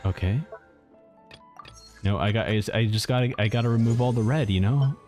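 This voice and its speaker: Speaking briskly in a medium-pitched, slightly mellow voice, a man streams a game with casual live commentary. Game music runs in the background while he mutters to himself and keeps repeating short phrases.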